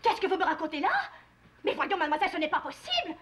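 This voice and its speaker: A woman's voice: extremely high pitch, very animated, quick pace. A woman voicing a fussy, dramatic woman theatre director who talks in an exasperated, theatrical way, in 1960s children's TV puppet acting. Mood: indignant.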